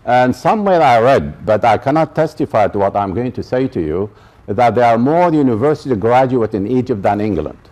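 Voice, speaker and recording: A man's voice: medium pitch, expressive, fairly quick, a little mellow. A man from Iraq gives a college lecture, stressing and repeating his key points and checking that the audience follows. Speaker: professor giving a public talk.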